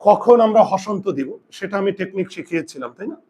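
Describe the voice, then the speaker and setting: A male grammar teacher giving a classroom lesson, asking his students questions and answering them himself, sometimes dropping to a low quiet voice for asides. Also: expressive, fast, husky. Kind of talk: classroom lesson explaining pronunciation.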